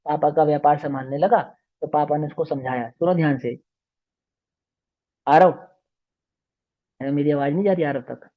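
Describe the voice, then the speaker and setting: A man teaching a religious lesson to children, telling stories with animated delivery and often asking the class questions. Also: fairly high pitch, moderate pace, long pauses, narrow, tinny audio.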